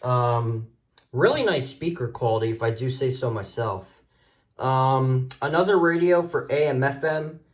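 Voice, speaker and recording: In a casual hands-on video, a man of medium pitch shows off radios he has collected, speaking at an unhurried pace. He rambles and hesitates as he talks into the phone camera he holds.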